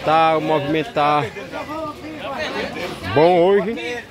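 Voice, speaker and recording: His voice on the high side, a Northeastern Brazilian man narrates an unhurried tour of a bustling outdoor street market, chatting warmly with vendors along the way. He records with a handheld camera mic while walking, amid the noise of the crowd.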